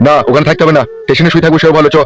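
A man voicing a gruff, blunt village father who scolds his son in a comedy cartoon. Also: fairly high pitch, fairly even intonation, rapid-fire, close to an everyday voice.

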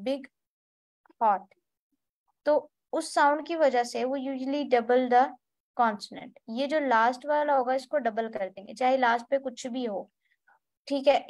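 A woman's voice: sits high, a little mellow. A woman teaching an online English class, explaining grammar step by step and spelling out letters.

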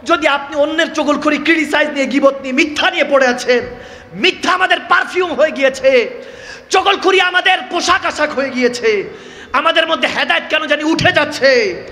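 A man's voice: very high voice, fairly quick, pushed and bright. A man preaching an impassioned sermon, telling a story and breaking into long chanted verses and emotional cries. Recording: echoey hall with long reverb.

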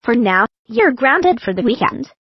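A stern mother who scolds her misbehaving daughter, voiced by a female synthetic voice. The voice sits a little high and sounds breathy. It comes across dry and slightly dull, like a lo-fi recording. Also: very animated, unhurried, no room sound, exaggerated voice.

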